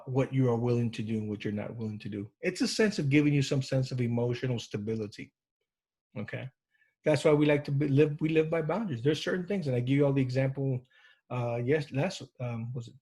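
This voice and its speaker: A man's voice: mid-range voice, darkish tone, breathy edge. A man who teaches counseling, giving a conversational classroom lecture with frequent restarts and check-ins. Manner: informal, with frequent restarts and fillers. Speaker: counseling instructor.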